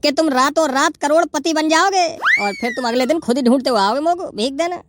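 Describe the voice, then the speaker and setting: A woman's voice: high-pitched, animated, fairly quick, noisy background. A woman voicing a pushy, wheedling male beggar in a cartoon, with a pleading, scolding manner. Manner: whining, pleading, then scolding.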